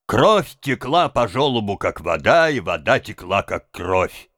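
Slow, expressive male audiobook narrator. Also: on the low side, no room sound, studio quality. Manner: dramatic, rising and falling emphasis.

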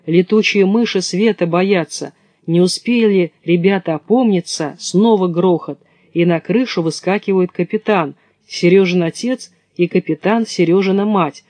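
A man narrating a children's storybook in a lively storytelling manner. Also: high-pitched, moderate pace, no room sound. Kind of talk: storybook reading.

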